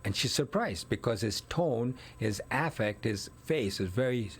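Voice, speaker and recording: A husky, medium-pitched male voice, expressive and a little slow. He's a guest recounting a murder case step by step in casual conversation, correcting himself and using fillers as he goes.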